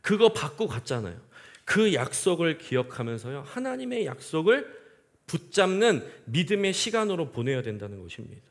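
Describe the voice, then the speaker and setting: A man delivering a sermon in a fairly high voice that rises and falls with a lot of movement. He keeps asking the congregation questions and builds to emphatic, forceful stretches. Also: sing-song, normal speed. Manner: preaching with rhetorical questions to the congregation; rising to emphatic outbursts. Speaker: pastor.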